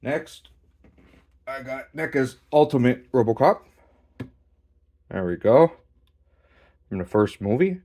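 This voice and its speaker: A man casually reviewing a model kit while posing it, relaxed, swearing now and then, and a bit out of breath. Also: medium pitch, slow, long pauses. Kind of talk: casual hands-on toy review.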